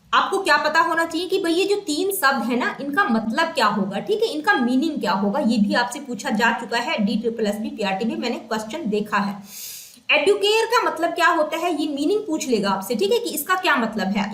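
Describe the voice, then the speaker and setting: A woman teacher walks her students through exam material, often asking a question and then answering it herself. Her voice sits high and carries a clear echo from the room. She circles back to key points and slips English terms into her explanation. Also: a bit bright. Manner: mixes Hindi with English terms. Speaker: teacher preparing students for exams. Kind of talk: exam-prep lecture.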